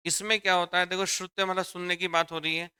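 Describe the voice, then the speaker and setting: Male Hindi teacher, fairly high, bright and crisp voice, dry close sound; explains patiently and repeats each point. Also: little pitch movement, fast, dry recording. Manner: explains step by step, repeats lines, addresses students as dear children. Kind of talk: exam-prep grammar lesson.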